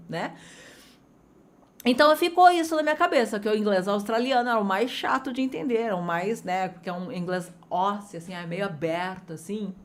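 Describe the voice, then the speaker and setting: She's an English teacher from Brazil giving a lesson online in a fairly high voice. Full of energy and talkative, she speaks directly to her students while her pitch swings widely from phrase to phrase.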